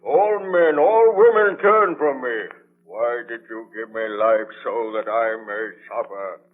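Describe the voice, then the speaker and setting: A man's voice: medium pitch, slow, lightly acted. A man playing an anguished, vengeful monster in a 1930s radio drama, speaking in a portentous, declamatory way. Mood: bitter, pleading. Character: anguished, vengeful male monster, lonely man-made creature. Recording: tinny band-limited 1930s radio broadcast.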